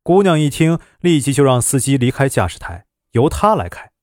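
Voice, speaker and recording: A man telling a story aloud with a lively, widely swinging voice that rises and falls through the tense scenes. His pitch sits in an ordinary middle range, and the recording is dry and close with no room sound. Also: moderate pace, no echo. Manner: expressive, dramatic storytelling. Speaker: narrator. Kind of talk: story narration.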